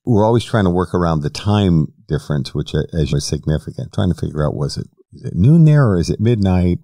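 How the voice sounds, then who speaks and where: A man's voice: sits low, animated, fast, mellow, dry recording, studio quality. A man hosting a podcast, asking questions and giving long, careful explanations in casual interview talk. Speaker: podcast host.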